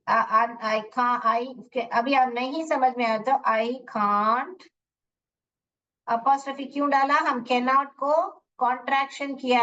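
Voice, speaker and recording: A woman's voice: a little high, fairly bright tone, distant mic, dull audio. A woman teaching English phonics online, switching between Hindi and Indian-accented English, patiently repeating and checking if students understood.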